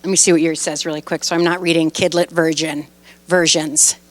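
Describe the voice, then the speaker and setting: A woman pastor preaching a lively sermon, retelling scripture with animated storytelling and reading aloud while chatting with her listeners. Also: sits low, a little fast, in a large hall. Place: church sanctuary.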